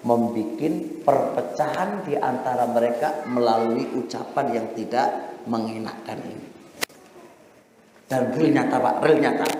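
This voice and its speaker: A man preaching a sermon, lively, chanting verses and calling his listeners sir. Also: mid-range voice, slight background noise. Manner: lively preaching, sung Quran verses, addresses audience as Pak. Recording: very echoey hall.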